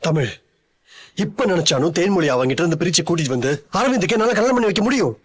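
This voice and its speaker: A man's voice: on the high side, animated, racing, slightly rough. A man voicing a young man who pleads with and reassures his upset partner in a dubbed TV serial. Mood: soothing. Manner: soothing, pleading, firm reassurance. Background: music.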